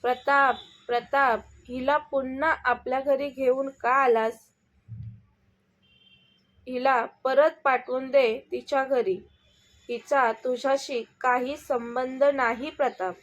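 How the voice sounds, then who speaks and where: A woman's voice: sits high, muffled recording. A woman voicing a jealous, possessive young woman who demands and insults in an angry storybook scene.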